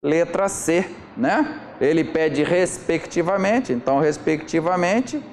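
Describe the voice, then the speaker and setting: Lively-voiced male exam tutor. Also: a little high, slow, a little hiss or hum. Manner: keeps checking in with the listener. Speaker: exam prep teacher. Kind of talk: explaining exam questions step by step.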